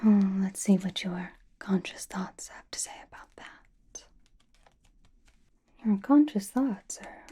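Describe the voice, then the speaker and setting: A woman playing a mysterious, powerful witch who reads tarot in an ASMR roleplay, whispering slowly in a calm, knowing, soothing way. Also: medium pitch. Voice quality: breathy, whispered. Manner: slow, deliberate, soothing personal attention.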